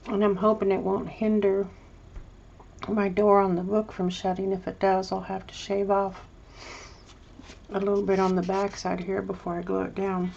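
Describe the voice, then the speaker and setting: A crafting vlogger, candy in her mouth, rambles through a casual show-and-tell of her project, hesitating and restarting often. Her medium-pitched voice has vocal fry, a level tone and a darkish quality at normal speed, with the highs cut off and slight background noise.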